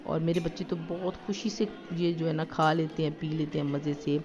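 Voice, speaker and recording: A family lifestyle vlogger speaks in a low, steady voice at normal speed, narrating her family's shopping and dining trip as casual voice-over. Her manner is homely and chatty, peppered with fillers, and a slightly sore throat comes through. The recording is lo-fi and a little dull.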